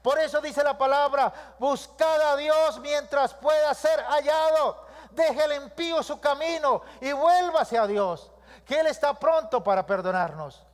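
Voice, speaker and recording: A man's voice: very high-pitched, a little slow. A man preaching a sermon as pastor, leading the congregation in call-and-response and stacking repeated lists. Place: church hall. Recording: long reverb of a church hall.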